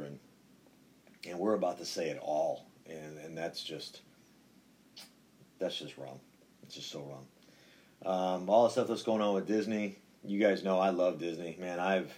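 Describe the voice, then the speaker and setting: A male pastor giving an informal devotional talk in a halting, conversational way, often repeating his phrases. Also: deep voice, darkish tone. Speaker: pastor recording a podcast. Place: indoors, inside a metal church building.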